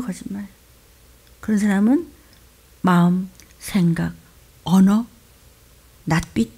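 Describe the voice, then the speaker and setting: A woman pastor preaching a sermon with emphatic delivery, jumping from loud exclamations to hushed whispers. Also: a little high, vocal fry, husky.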